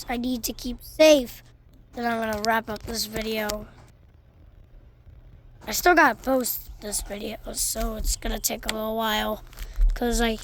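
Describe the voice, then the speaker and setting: A woman with a slightly high voice talks unhurriedly through a casual unboxing vlog. Allergies leave her sounding stuffy, and she rambles and restarts her sentences often. A faint background noise sits under her voice. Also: gravelly. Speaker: vlogger.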